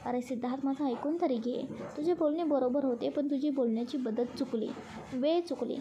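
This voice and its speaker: A patient young man in a storybook who talks sense into his friend, voiced by a woman. His lines come out steady and reasoning in a high, warm-toned voice with faint hiss. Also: brisk, lo-fi sound, natural voice. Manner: reasoning, advising gently.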